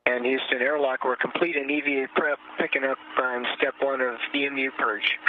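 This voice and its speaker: A man's voice: medium pitch, fairly even intonation, brisk. Sex: man. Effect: breaking up space radio. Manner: clipped callouts. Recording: tinny, crackly. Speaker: astronaut on the station. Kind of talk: crew radio calls.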